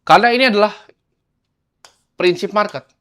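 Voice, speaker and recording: Man, fairly high voice, casual investing teacher, chops lines into short bursts. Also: normal speed, a bit bright. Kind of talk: casual lecture over slides.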